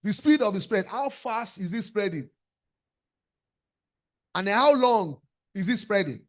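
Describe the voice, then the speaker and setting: High-voiced lecturer, man. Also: animated, unhurried. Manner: asks rhetorical questions, repeats words while searching. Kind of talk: academic lecture. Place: lecture room.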